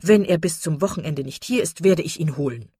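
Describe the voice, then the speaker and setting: Woman playing hearty country gentleman, loud and pushy, low husky tone, audiobook. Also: lively intonation, a little fast, no room sound, clean studio sound. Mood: insistent. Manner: loud, insistent.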